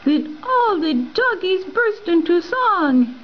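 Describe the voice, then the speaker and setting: A woman reading a picture book aloud in an expressive, playful way, slipping in Spanish words. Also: extremely high pitch, slow, highs cut off. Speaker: reader. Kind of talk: storybook read-aloud.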